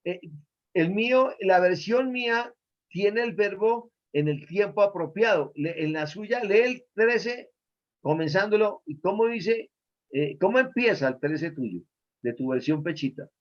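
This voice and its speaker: Brief: male pastor, high voice, patient teaching tone, quizzes students, muffled lo-fi sound. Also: lively intonation, unhurried. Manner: didactic, quizzes listeners on verb tenses. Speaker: pastor teaching a Bible study. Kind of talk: Bible study lesson with questions to students. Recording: dull lo-fi recording.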